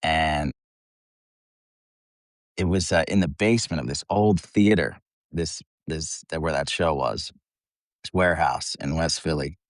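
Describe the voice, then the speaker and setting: Here the pitch is extremely low, and the pace a little slow with long pauses, recorded at studio quality without room sound. The speaker is an American metal singer from eastern Pennsylvania, guesting in an interview and swapping stories in a blunt, profane, slangy manner.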